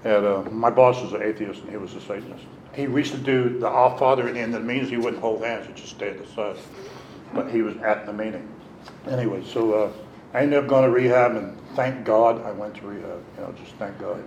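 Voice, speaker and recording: A middle-aged man telling his recovery story at a meeting, candid and animated, acting out what others said. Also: on the low side, a little fast, reverberant, a little hiss or hum, low-quality recording. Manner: candid, animated, acts out quotes. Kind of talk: personal storytelling.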